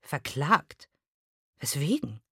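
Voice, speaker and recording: A woman's voice: low voice, big pitch swings, takes it slowly, sharp tone, breathy edge, no room sound, clean studio sound, pitched below the performer's own voice, full character voice. A woman reading the lines of a stern, anxious elderly mother in a literary reading. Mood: tense. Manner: stern, agitated.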